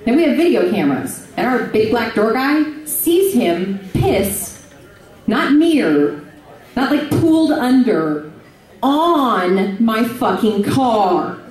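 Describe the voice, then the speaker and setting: Brash female stand-up comic, profane storyteller, lively pitch, echoey bar room, laughing crowd. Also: slow. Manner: brash, profane storytelling with big vocal swings. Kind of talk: stand-up comedy set. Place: bar stage before a live crowd. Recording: echoey room, mic from a distance.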